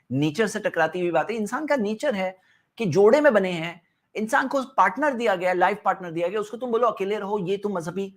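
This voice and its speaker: Man giving an earnest religious lecture. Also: high-pitched. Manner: rhetorical questions, mixes in English words; swings between loud emphasis and soft asides. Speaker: Islamic lecturer.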